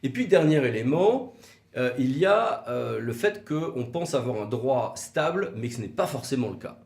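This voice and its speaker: Here a man with a medium-pitched, creaky, darkish voice speaks at normal speed but very animatedly. It's a semi-scripted explanatory legal video where he teaches, poses rhetorical questions, and leans on key words, all in an echoey, roomy space.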